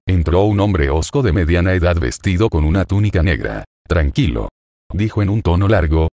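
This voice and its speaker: A man with a deep, low voice reads a novel as an audiobook. His delivery is even and steady. The sound is dry and close, with no room around it. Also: no echo. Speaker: narrator. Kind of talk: scripted audiobook narration.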